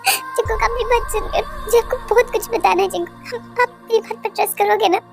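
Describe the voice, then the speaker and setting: A woman's voice: very high voice, fast, darkish tone, faint music behind. A woman voicing a frightened young heroine who pleads and stammers in a fan audio drama. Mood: tearful.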